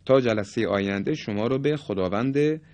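A man teaching a lesson on how letters are pronounced, speaking deliberately and politely and sounding out examples aloud. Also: medium pitch, a little mellow. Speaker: Quran recitation teacher. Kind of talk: explanatory lesson on letter articulation.

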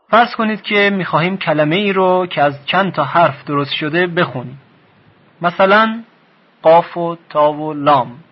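A man teaching a recorded reading lesson in a slow, measured way, drilling letters aloud. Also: on the high side, slightly rough, dull audio.

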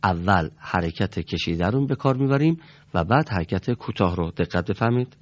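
A low-voiced man leads a Quran reading class, patient and formally polite. He carefully says letter sounds aloud for his students to repeat. The recording is dull and lo-fi. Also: animated. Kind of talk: classroom instruction.

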